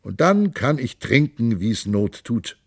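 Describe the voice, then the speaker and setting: Brief: male narrator plays jovial drinking monk, loud, gravelly, hearty, audiobook. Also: big pitch swings, slow pace, dry recording, studio quality, full character voice. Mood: boisterous. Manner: loud, hearty, high-pitched boisterous delivery. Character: boisterous hard-drinking man monk, jovial, bawdy. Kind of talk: audiobook character voice.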